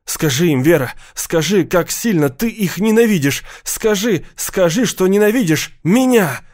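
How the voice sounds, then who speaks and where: A man's voice: fairly high pitch, animated, a little slow, a little mellow, no echo, studio quality. A man voicing a desperate, earnest teenage boy pleading with a girl. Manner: pleading, insistent.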